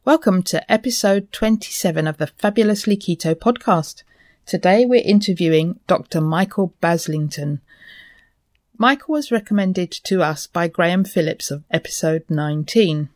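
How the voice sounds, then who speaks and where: Hosting a podcast, a woman from Essex, England introduces a guest from a script and then asks questions. Her voice is on the low side and a little mellow, and she speaks at normal speed.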